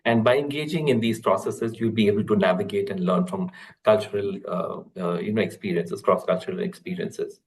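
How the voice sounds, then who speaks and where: A man's voice: on the low side, fairly quick, poor audio. Man explaining a webinar lesson. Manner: steady, explanatory, with frequent fillers and restarts. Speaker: corporate trainer, webinar speaker.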